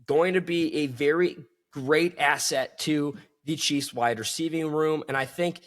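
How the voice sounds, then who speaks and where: A man's voice: on the high side, measured pace. A man hosting a solo sports podcast, talking with enthusiasm and calling his listeners folks.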